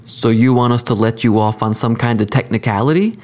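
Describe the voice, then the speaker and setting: A man's voice: medium pitch, a little fast, a little mellow, lightly acted. A man voicing a blunt male prosecutor with a thick Bronx accent, firing challenging questions.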